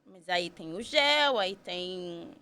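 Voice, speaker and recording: A woman's voice: fairly low pitch, expressive, slow pace, bright, forceful tone, clear, resonant tone. A woman, telling her story as a podcast guest, chatty and full of tag questions. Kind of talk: casual storytelling.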